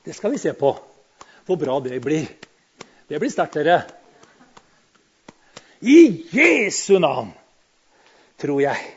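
A man preaching a sermon who talks to the congregation directly and swings between quiet musing and loud, fervent exclamations. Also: fairly high pitch, very animated, pauses often, breathy edge, muffled recording. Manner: conversational, addresses the congregation directly.

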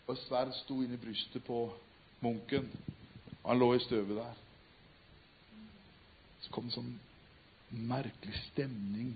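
A man preaching and retelling a story, swinging from loud emphatic cries to hushed, quiet tones. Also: mid-range voice, creaky, a little hiss or hum. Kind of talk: sermon storytelling. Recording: tinny phone-like sound.

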